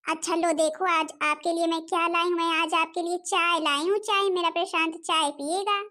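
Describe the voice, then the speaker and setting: A woman's voice: very high-pitched, steady tone, normal speed, sharp tone. A woman voicing a caring, worried teenage older sister in a cartoon. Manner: worried, pleading. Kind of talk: cartoon voice acting.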